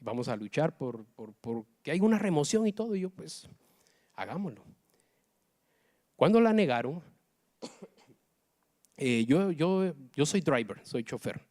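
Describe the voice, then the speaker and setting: A middle-aged man from Guatemala, giving an emotional personal testimony in church that swings between hushed and loud. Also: a little high, very animated, unhurried.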